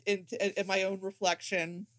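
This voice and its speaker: A woman's voice: medium pitch, little pitch movement, normal speed. A woman guest on a podcast, chatting casually about a film in hesitant, stammering asides.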